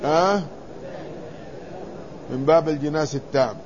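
A man with a somewhat high voice gives a traditional lesson. He reads a text aloud, stops to explain it, and asks his listeners questions. The recording is dull and lo-fi, with a faint hiss behind him. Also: measured pace, darkish tone. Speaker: teacher reading and explaining a classical text.

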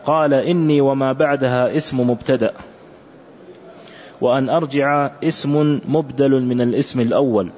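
A man reading aloud a classical religious commentary for a teacher, in a measured, careful recitation. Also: medium pitch, a little mellow. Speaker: student reading the text aloud. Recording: dull lo-fi recording.

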